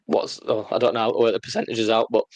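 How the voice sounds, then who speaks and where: A man's voice: on the low side, flat delivery, quick pace, darkish tone, no room sound. A man from England, a regular co-host on a casual podcast, chatty and curious, often laughing.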